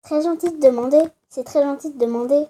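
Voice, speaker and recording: A woman's voice: high-pitched, fast talker, dark tone, lightly acted. Woman reading a friendly young dating-game woman. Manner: reads the on-screen lines plainly.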